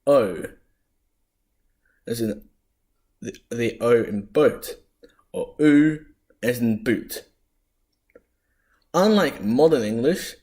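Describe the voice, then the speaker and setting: A medium-pitched male voice narrates a history lesson from a script. He pronounces sounds with deliberate care, though he trips over words occasionally.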